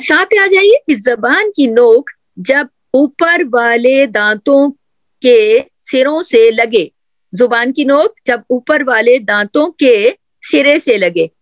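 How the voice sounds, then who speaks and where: In a high-pitched voice with no room sound, a female teacher leads a patient tajweed session on letter articulation. She has her female students repeat sounds, keeps asking "theek hai?" to make sure they follow, and stays gently encouraging.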